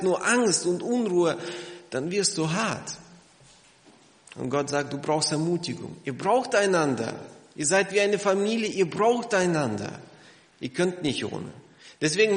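A man preaching a sermon to his congregation, lively and emphatic, asking rhetorical questions. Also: a little high, echoey room, long reverb tail. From Germany. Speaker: pastor.

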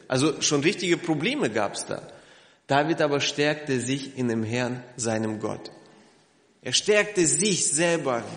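Emphatic preacher in an echoey hall. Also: male voice, fairly high pitch. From Germany. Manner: lively, emphatic preaching with rhetorical questions. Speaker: pastor. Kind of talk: sermon.

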